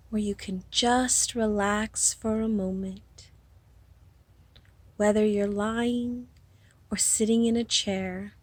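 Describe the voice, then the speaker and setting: In a dry recording, a woman with a mid-range voice leads a guided hypnosis session. She speaks softly and breathily at a calm, slow pace, leaving long gaps between phrases.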